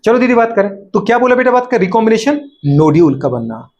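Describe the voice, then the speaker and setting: A man with a Hindi accent teaching biology in a high, light voice. He keeps firing questions at the class and answering them himself, with playful teasing along the way. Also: sing-song, quick pace, a little mellow, highs cut off. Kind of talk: classroom lecture.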